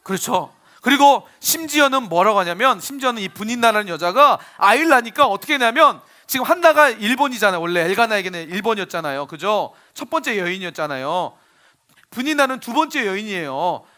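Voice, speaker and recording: Animated high-voiced male pastor. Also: fast talker. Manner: animated, questions the audience. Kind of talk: storytelling sermon for children.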